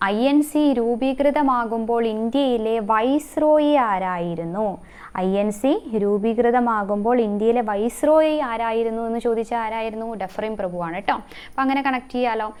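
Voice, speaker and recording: Clear-voiced woman teaching in a quizzing tone. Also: fairly high pitch, a little mellow. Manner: quizzing, repeats answers, links facts with memory tricks. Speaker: exam-prep teacher. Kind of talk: online lesson.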